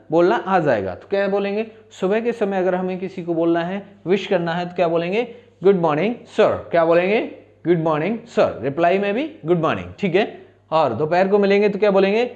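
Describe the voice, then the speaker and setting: A man's voice: high voice, a little mellow, dull audio. A male teacher giving a spoken-English lesson, asking questions and answering them himself in repeat-after-me drills.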